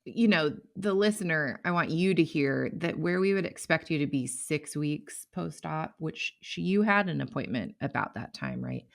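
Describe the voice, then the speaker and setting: A woman's voice: deep voice, lively intonation, normal speed, vocal fry, hardly any pauses. A woman interviewing her guest in casual chat, supportive and checking details. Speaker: podcast host, interviewer.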